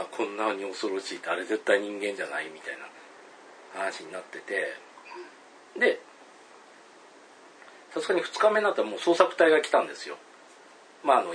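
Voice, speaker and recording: A man telling a spooky story to a listener, hesitant with many fillers and pauses, acting out calls and voices loudly. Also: fairly low pitch, slight background noise, rough recording.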